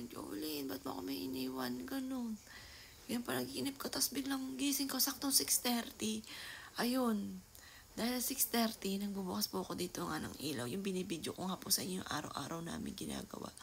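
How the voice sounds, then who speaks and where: A middle-aged woman telling a vlog story at home, often half-whispering and now and then bursting into loud calls. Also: mid-range voice, expressive, normal speed, creaky. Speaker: vlogger. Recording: noisy home ambience.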